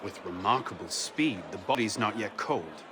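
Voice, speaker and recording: An actor playing an earnest, brooding young assassin in a video game, speaking seriously with a dry wit. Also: male voice, lowish voice, expressive, normal speed, background noise, natural voice. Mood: dry, guarded. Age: young adult. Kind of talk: video game cutscene acting.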